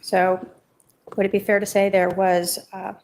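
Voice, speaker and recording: A woman's voice: medium pitch, little pitch movement, measured pace, a little mellow. A woman prosecutor putting questions to witnesses in court. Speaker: prosecuting attorney. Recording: faint background noise.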